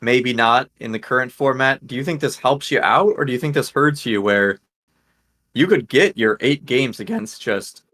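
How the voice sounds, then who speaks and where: A man's voice: medium pitch, normal speed, a bit bright. A man hosting a casual sports podcast, leading the talk and lining up topics and questions for his co-hosts. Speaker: podcast host.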